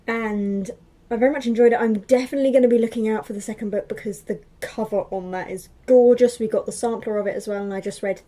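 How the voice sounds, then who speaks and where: A young woman chats her way through a book review. Her voice is mellow and warm, and she rambles with plenty of fillers and false starts. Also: on the high side, fairly even intonation, quick pace. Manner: chatty, rambling with many fillers and restarts. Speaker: book vlogger.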